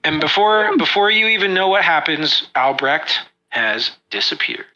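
A man narrating as dungeon master in a tabletop game, in a relaxed storytelling manner. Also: a little high, moderate pace, lo-fi sound.

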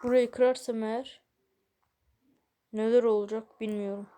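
A woman's voice: a little high, steady tone, unhurried, mellow, smooth. A woman giving casual let's-play commentary, exasperated and grumbling at the game while talking straight to her viewers. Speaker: gaming video creator.

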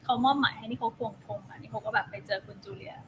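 A woman's voice: a little high, quick pace, background noise. A woman from the United States, a pageant contestant as interview guest, slipping English phrases into her talk. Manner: mixes Thai with English phrases. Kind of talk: casual chat interview.

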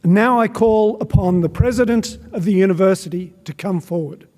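A man's voice: high voice, a little fast, a little mellow. An older man making formal, stately announcements at a graduation ceremony, reading titles with small stumbles into a podium microphone in a large arena. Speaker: master of ceremonies. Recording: long reverb of a large hall.

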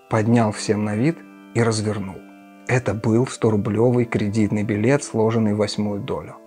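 Man narrating an audiobook. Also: fairly low pitch. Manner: measured, expressive reading. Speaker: audiobook reader.

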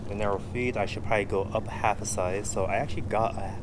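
Low-voiced man chatting in a casual vlog. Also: steady tone, fast, noisy background. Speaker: running vlogger reviewing gear. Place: outdoors in a walled backyard. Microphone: action camera at arm's length.

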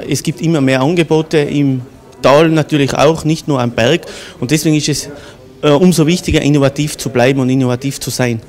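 A middle-aged man, a managing director giving a formal, composed interview at an indoor event into a handheld mic. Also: on the high side.

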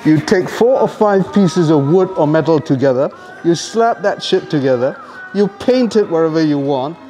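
A man's voice: fairly high pitch, animated, normal speed, mellow, soft background music. A man hosting a vlog, teasing and joking with guests in a cafe, recorded on a handheld camera mic. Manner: playful, teasing, self-mocking. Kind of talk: casual teasing chat. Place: indoor cafe.

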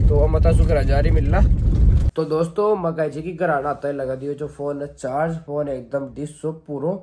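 A young man vlogging in a casual, joking and excited way. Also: on the high side, background noise. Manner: excited, joking, laughing often. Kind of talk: casual vlog chat.

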